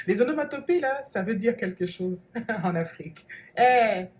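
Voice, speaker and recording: A woman's voice: a little high, lively intonation, takes it slowly, darkish tone. A woman giving a short, cheerful greeting in a radio clip and laughing between her words. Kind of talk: short radio vox pop.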